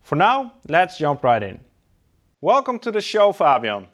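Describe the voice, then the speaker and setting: A man's voice: a little high, wildly swooping pitch, measured pace, a bit bright. A man hosting an interview podcast, with an upbeat, welcoming presenter delivery. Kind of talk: scripted show introduction and interview.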